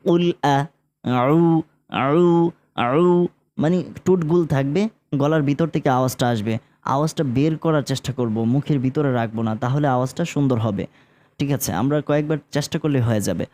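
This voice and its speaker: A man with a Bangladeshi Bengali accent teaching Quran recitation, explaining sounds in relaxed talk and chanting verses slowly and drawn out. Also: mid-range voice. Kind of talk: relaxed spoken lesson with slow chanted recitation.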